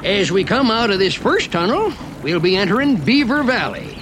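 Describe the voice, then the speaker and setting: A chatty frontier train guide with a rural Western American drawl. His voice sits high and swings freely up and down as he narrates a park ride with homespun, wry humor. Clear noise of the ride and animals runs behind him. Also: very animated, moderate pace. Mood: genial, wry. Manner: drawling, folksy dialect with chuckles. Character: folksy old-west mining train guide, chatty and wry.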